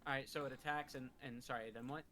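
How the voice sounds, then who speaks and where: A young man playing a tabletop game online, joking and asking the game master quick questions. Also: medium pitch, fairly even intonation, pushed and bright, slight background noise. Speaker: player. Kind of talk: casual game chat.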